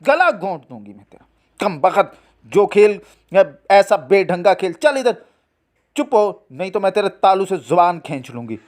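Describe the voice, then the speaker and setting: Shrill, fussy middle-aged housewife, voiced by a man, high-pitched and scolding. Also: big pitch swings, normal speed.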